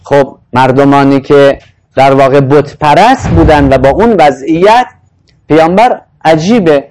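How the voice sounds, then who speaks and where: A man giving a sermon on Quranic verses, reciting the Arabic lines slowly and then explaining them in conversational speech. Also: a little high, a little mellow, poor audio. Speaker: Quranic lecturer.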